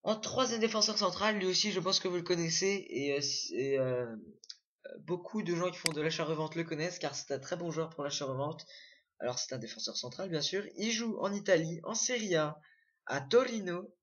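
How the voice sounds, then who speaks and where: A man's voice: on the high side, lively intonation, moderate pace, fairly bright tone, slight background noise. Hesitant young man, muffled home mic. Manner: hesitant, many fillers and self-corrections. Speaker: gaming video creator. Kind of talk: casual screen-recorded commentary.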